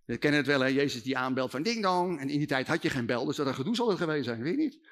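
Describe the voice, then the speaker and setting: A man from the Netherlands, preaching a comic storytelling sermon, animated and jokey. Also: medium pitch, very fast. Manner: animated, jokey, acting out voices.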